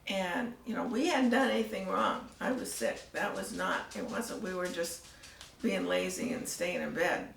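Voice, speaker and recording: An older woman telling her story in a casual interview, soft-spoken and trailing off into near-whispers. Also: lowish voice, moderate pace, gravelly, few pauses, a little hiss or hum. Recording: echoey room, mic at a distance, faint ambience.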